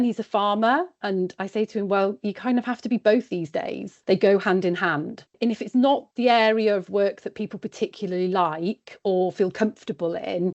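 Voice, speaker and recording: A woman in her forties talks easily and practically, as if chatting across a kitchen table. Her voice sits at an ordinary middle pitch. The recording is somewhat dull and lo-fi. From West Wales. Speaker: independent sheep consultant. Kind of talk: podcast interview. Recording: dull, lo-fi sound.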